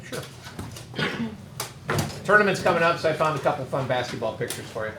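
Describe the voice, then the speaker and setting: A male math teacher lecturing a class in a brisk, direct, teasing manner. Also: a little high, expressive. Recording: echoey classroom, faint noise.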